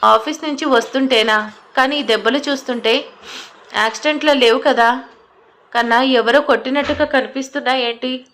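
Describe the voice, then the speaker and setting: A middle-aged mother from an audio drama, anxious and suspicious, pushing question after question, as a woman narrator plays her. Her voice sits a little high. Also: steady tone, normal speed, a bit bright.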